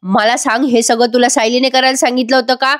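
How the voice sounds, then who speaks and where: A woman's voice: fairly high pitch, level tone, fairly quick, fairly bright tone, natural voice. A woman voicing an angry, spoiled young bride who scolds and demands.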